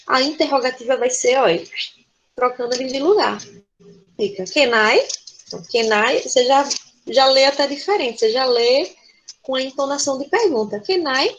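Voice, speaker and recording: A woman's voice: a little high, a little hiss or hum, low-quality recording. A woman teacher with a Brazilian Portuguese accent giving a remote class, explaining patiently and tagging her sentences with "né?". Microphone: video call.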